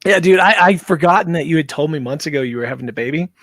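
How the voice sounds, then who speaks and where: A man's voice: a little high, expressive, quick pace, fairly bright tone, no room sound, studio quality. A man in casual livestream chat, telling stories with crude jokes and laughing often.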